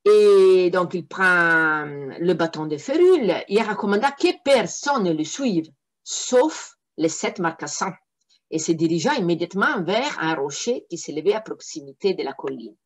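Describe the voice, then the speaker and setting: A woman reads a fairy tale aloud for young listeners, her pitch swinging in a very expressive way. She often breaks off to explain unfamiliar words in a friendly, teaching manner. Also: unhurried. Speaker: storyteller.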